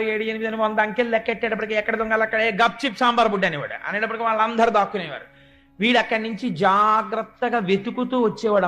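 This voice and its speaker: Man, high voice, devotional story discourse, lively, faint music behind. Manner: lively, addresses listeners directly, acts out quoted voices. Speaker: spiritual discourse speaker.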